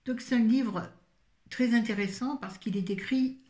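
A woman's voice: on the high side, a little slow, darkish tone, roomy sound. An older woman reviewing books in a casual, rambling chat full of self-mocking asides. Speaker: book vlogger.

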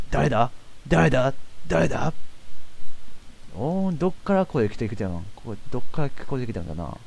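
A man with a doing let's play commentary as a game streamer, excitable, stammering, and talking to himself. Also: medium pitch, creaky.

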